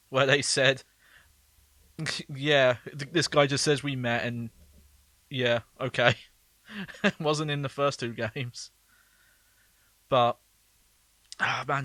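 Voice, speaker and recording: A man's voice: medium pitch, pushed and bright, no echo. A man streaming a game and giving casual, rambling commentary, laughing often.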